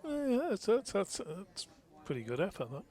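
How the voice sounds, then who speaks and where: A man's voice: sits high, sing-song, moderate pace, a little mellow, slightly rough. A man co-commentating on cricket for radio, with easygoing, teasing banter.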